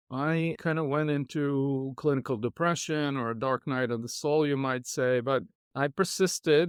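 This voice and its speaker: Smooth-voiced man. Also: medium pitch, no echo, studio quality. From Israel. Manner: reflective, measured, with soft laughs. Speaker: podcast guest, psychologist. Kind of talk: conversational storytelling.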